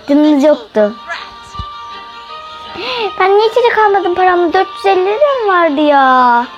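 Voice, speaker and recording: Female let's-play host, high and bright-pitched, excitable and chatty, game music playing behind her. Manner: excitable, often shrieks and laughs while playing; chatty, keeps addressing viewers directly. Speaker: gaming channel host.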